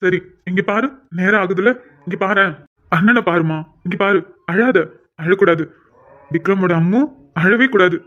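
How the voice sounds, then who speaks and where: A man voicing a gentle, protective older brother who soothes his tearful sister in a cartoon. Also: high-pitched, measured pace, dull audio. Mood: soothing. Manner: soothing, reassuring. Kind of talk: Tamil cartoon voice acting.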